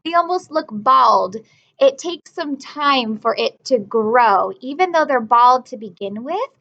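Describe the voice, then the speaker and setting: Reading a picture book to young kids, a woman teacher keeps stopping to encourage them, ask questions and offer praise. She has a high, fairly bright voice, captured on a muffled recording.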